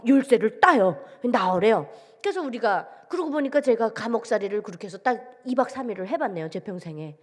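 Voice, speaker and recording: A woman from North Korea giving a storytelling testimony as guest speaker at a church, acting out the dialogue as she goes. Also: fairly high pitch. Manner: vivid storytelling, acts out quoted dialogue. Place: large church sanctuary. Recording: long reverb of a church hall.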